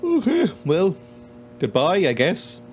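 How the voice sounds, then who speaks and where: A man's voice: sits high, huge pitch swings, slow pace, soft background music. A young man giving wry, sweary commentary while playing a game, reading its text aloud and laughing often. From Ireland. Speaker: let's-play host.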